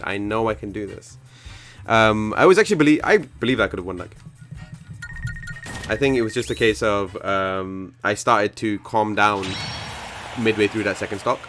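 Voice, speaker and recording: A man with a fairly low voice hosts a live game tournament stream and chats casually with his viewers. He rambles, fills pauses with ums and uhs, and corrects himself mid-sentence. Loud game music plays behind him. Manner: rambling, frequent fillers and self-corrections.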